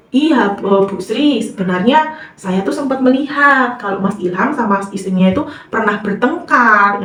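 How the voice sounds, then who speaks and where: A woman retelling a horror story in a lively way, acting out the characters' voices, recorded with a roomy sound from a distant mic. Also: on the high side.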